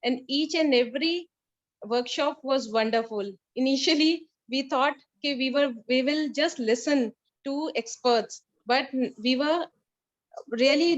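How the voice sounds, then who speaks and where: High-pitched woman with an Indian accent. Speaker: workshop participant. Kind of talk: informal spoken feedback. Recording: dull lo-fi web conference audio.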